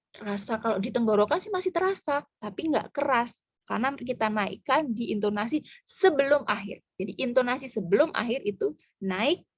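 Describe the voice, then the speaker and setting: A woman's voice: a little high, no room sound. A woman teaching French pronunciation in an online lesson, patiently breaking words into syllables.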